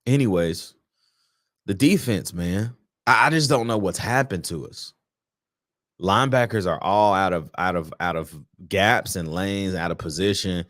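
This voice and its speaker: A sports podcast host with a low, unhurried, slightly bright voice chats casually about an upcoming game on his fan show. He sounds sleepy and keeps yawning, and he tosses in slang, repeats words and restarts his sentences.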